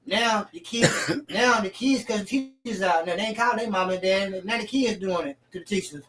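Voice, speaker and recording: A high-voiced man talks in casual, halting chat, stumbling and repeating words while he hunts for the next one. He sounds set back from the microphone. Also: a bit bright, recorded from a distance, rough recording.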